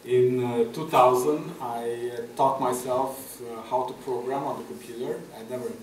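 Talking at normal speed with fairly even intonation, this middle-aged Romanian man has a mid-range voice, and a little hiss or hum runs under it. He's a guest artist at a festival table talk, hesitant and filler-heavy, recorded in an echoey room with an audience, far from a stand-mounted table mic.

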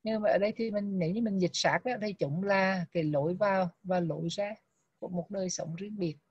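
A woman teaching a Buddhist text lesson, reading English terms and drilling their pronunciation slowly and deliberately. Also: medium pitch, slightly rough, dry recording. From Vietnam. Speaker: Abhidhamma teacher. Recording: dull lo-fi, dry sound.

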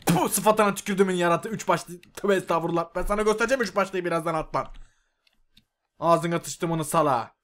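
A young man giving loud, excitable gameplay commentary, swearing and yelling at the mobs on screen. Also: high voice, fast. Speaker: gaming YouTuber. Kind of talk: Minecraft mod review commentary.

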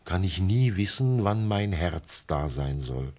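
A man voicing a wise, gentle male fox with a husky voice, speaking in a lively, heartfelt way in a classic radio play. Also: low voice, takes it slowly, exaggerated voice. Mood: pleading, tender. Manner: lively, pleading, heartfelt delivery.

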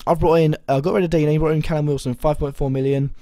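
A young man with a slightly hoarse voice that is still recovering, talking through his fantasy football week in a rambling way, full of ums and self-corrections. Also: a little high, steady tone, quick pace, dark tone, no echo. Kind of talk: casual video commentary.

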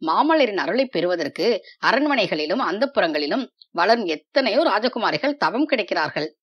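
A woman voicing a proud, wounded young female dancer in a storybook reading, with measured delivery. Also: medium pitch, very animated, breathy edge, muffled recording. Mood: bitter.

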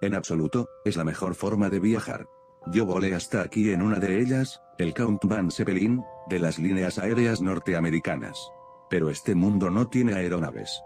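A man calmly narrating a science fiction audiobook in the first person. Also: low voice, moderate pace. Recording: background music under the narration.

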